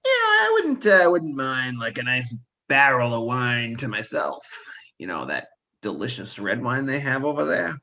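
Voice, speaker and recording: A man's voice: mid-range voice, huge pitch swings, a little slow, creaky, pushed and bright, full character voice. A man voicing a sly wine-loving satyr. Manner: hesitant, bargaining, full of "uh".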